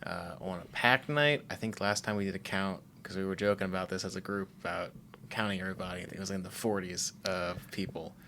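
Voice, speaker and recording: A man's voice: low-pitched, fast, vocal fry, pushed and bright, a little hiss or hum. A man co-hosting a podcast, talking in a casual, rambling, thoughtful way with many fillers. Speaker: podcast co-host.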